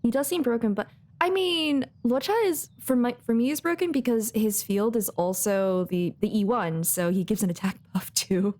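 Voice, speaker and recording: A woman streams a video game and chats casually, playful, giggly and rambling. Her voice is a little high with a darkish tone, at a normal speed.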